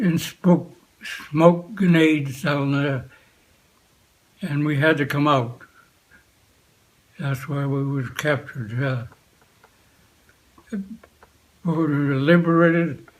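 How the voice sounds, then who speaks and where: An elderly man, a veteran, remembering his past in an unscripted interview, speaking in short, halting phrases with frequent pauses. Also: a little high, poor audio. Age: 80s or older. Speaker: war veteran being interviewed. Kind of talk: unscripted reminiscence, recalling the past.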